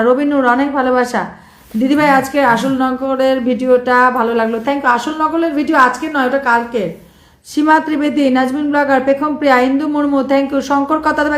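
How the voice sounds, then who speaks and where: A hoarse woman live streaming, reeling off viewer names with quick thanks in casual chat. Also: high-pitched, echoey room. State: hoarse from shouting.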